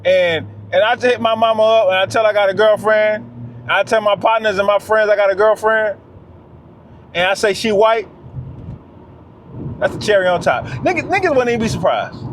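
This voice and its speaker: A man's voice: sits high, fairly quick, pauses often, slight background noise. A man talking straight to camera in a casual vlog, emphatic and slangy, repeating his phrases for weight. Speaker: vlogger.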